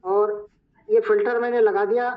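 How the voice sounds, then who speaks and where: A hoarse man acting as trainer, talking viewers through a screen-share tutorial step by step. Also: very high-pitched, big pitch swings, moderate pace. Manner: talks viewers through each step, repeating "look". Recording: dull lo-fi recording.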